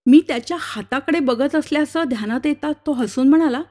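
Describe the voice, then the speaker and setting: A woman's voice: brisk, a little mellow. A woman narrating a short story aloud, voicing each character's dialogue herself. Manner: shifts pitch for different characters' dialogue.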